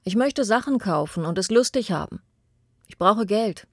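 A woman voicing a boy in a read-aloud storybook who grows into a weary old man, demanding at first and hushed later. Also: mid-range voice, animated, moderate pace, no room sound, studio quality, pitched above the performer's own voice. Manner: demanding when young, tired and hushed when old.

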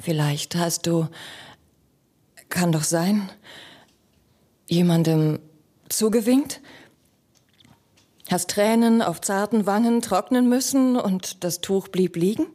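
An actress voicing a young noble wife who pleads with her jealous husband in a dramatic stage monologue. She speaks slowly and deliberately, at an even middle pitch. Her delivery stays intimate and often sinks to a whisper. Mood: bitter.

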